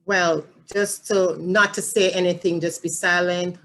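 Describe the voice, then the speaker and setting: A woman with a Jamaican accent, a family support specialist answering interview questions in an earnest, halting way, often rephrasing herself. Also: on the low side, steady tone, a bit bright.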